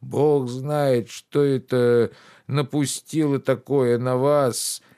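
A man's voice: medium pitch, flat delivery, slow pace, mellow, clear, resonant tone. A man voicing an old male servant who mumbles sullenly and plaintively.

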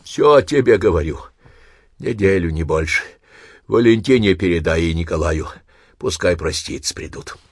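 A man doing a gruff, dying old man in his eighties. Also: sits low, lively intonation, normal speed, dry recording, studio quality. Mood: grim. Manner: gruff, foul-mouthed, short breathless phrases. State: short of breath.

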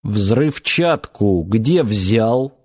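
A man voicing a gruff first mate who barks short, blunt orders. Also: lowish voice, expressive, drawn-out words, a little mellow, heavily acted. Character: gruff, hard-bitten male first mate.

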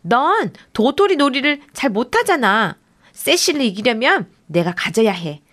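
Woman doing a bossy troublemaker girl, bright and high. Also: big pitch swings, unhurried, full character voice. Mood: gushing. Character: bold mischievous young girl, troublemaker.

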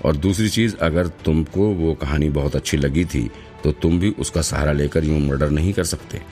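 Frightened jailed writer, shaky and yelling, very deep voice, a man reading it, faint music behind. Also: normal speed. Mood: scolding. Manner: shouting, trembling voice. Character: panicked male writer jailed with a killer.

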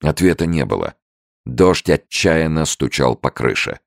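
A man reading a novel aloud as an audiobook narrator, with expressive delivery. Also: a bass voice, a little slow, gravelly, no room sound, clean studio sound. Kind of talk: scripted narration.

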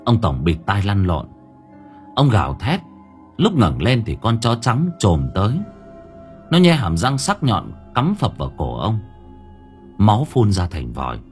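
A man's voice: on the low side, very animated, measured pace, long pauses, soft background music. A man narrating a ghost story in a dramatic storytelling manner. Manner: dramatic, swings in tone. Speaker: audiobook narrator.

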